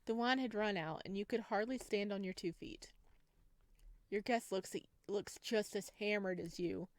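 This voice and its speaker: A female gaming video host plays through a visual novel, reading its text aloud and reacting with giggles, gushing and exclamations. Her voice is medium-pitched at a moderate pace, with no echo.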